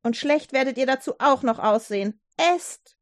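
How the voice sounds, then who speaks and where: A woman's voice: sits high, moderate pace, lightly acted. A woman voicing an anxious male court official in a children's storybook reading, fretting and pleading. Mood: fretful.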